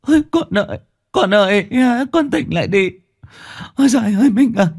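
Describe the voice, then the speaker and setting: A man's voice: sits high, expressive, a little fast, slightly rough, voice pushed up, full character voice. Man doing a wailing grief-stricken young mother. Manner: wailing, sobbing cries. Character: grieving young mother wailing for her baby. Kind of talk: storytelling. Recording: faint music behind.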